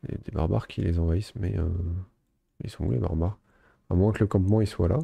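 Deep gravelly man gaming. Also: fast talker, no echo. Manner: relaxed, thinking aloud with many fillers. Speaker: gaming video host. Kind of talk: casual let's play commentary.

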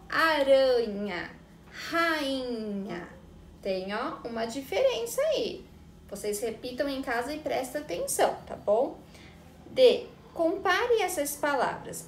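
A woman teaching a recorded lesson to young children, slow and patient, pointing things out and checking in often. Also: sits high. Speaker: preschool teacher. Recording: echoey room with faint noise.

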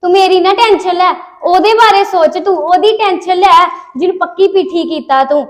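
A young woman playing a sharp-tongued, quarrelsome sister-in-law, in a family web drama. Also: extremely high pitch, fairly quick. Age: young adult. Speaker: unmarried daughter of the house.

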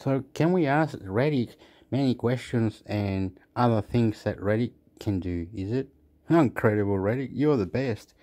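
The speaker is a man, a vlogger with an Australian accent, whose dark, medium-pitched voice moves at a moderate pace. He narrates a phone screen recording in a rambling way, often repeating and restarting.

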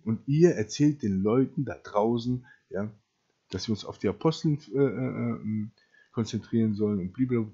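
A man preaching emphatically to Christians, often asking "ja?" and repeating phrases, his loudness swinging widely. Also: fairly low pitch, husky. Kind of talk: impassioned preaching to camera. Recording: dull lo-fi recording.

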